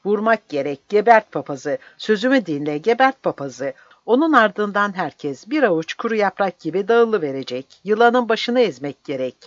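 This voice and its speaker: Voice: mid-range voice, very animated, moderate pace, hardly any pauses, no echo, lo-fi sound, voice pushed up, natural voice. A reader playing a bloodthirsty village man who urgently pushes for killing a priest. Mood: vicious. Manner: urgent, hectoring.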